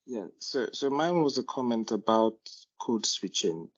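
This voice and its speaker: A medium-pitched, expressive male voice, a little slow, comes through with the highs cut off. The speaker is a GP doctor with a Nigerian accent who contributes to an informal meeting discussion, hesitantly repeating words as he explains.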